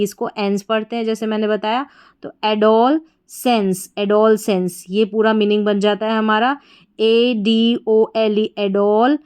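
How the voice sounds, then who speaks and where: Slow, clear woman teacher. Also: mid-range voice, darkish tone. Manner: spells letters slowly, then blends and repeats the word. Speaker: English reading teacher. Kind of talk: slow spelling-out lesson.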